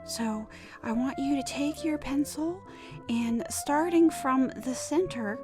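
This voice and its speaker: A woman with a high voice plays an awkward, wistful drawing teacher on a macabre comedy podcast, with music playing behind her. Her delivery in this scripted horror-comedy monologue, a mock drawing lesson, is halting, deliberate and hesitant, with a patient mood.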